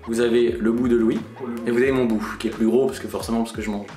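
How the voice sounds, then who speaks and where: A man's voice: medium pitch, steady tone, fast, mellow. A young man hosting a challenge video, chatting casually with friends. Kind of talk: casual chat among friends during a game. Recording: roomy echo, music behind. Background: music.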